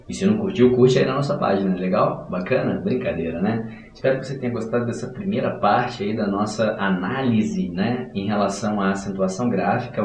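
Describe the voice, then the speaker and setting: Male teacher, low dark voice, joking and chummy, echoey room, off-mic. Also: far from the mic. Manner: chummy, joking, addresses students directly. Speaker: grammar teacher. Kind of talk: video lecture outro.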